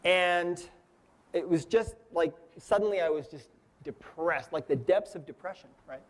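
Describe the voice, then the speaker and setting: A man in his fifties with a fairly high voice tells a long story as part of a lesson. His talk is relaxed and conversational. He keeps checking in with his listeners with a quick "right?" or "okay?". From United States. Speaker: energy healing teacher. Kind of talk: storytelling lecture.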